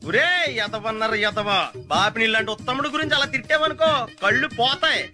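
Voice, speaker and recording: An actor playing a sly trickster in a film comedy, teasing and mock-solemn. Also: male voice, very high-pitched, brisk, bright, forceful tone, faint music behind, exaggerated voice. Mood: mock-angry. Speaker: film comic character.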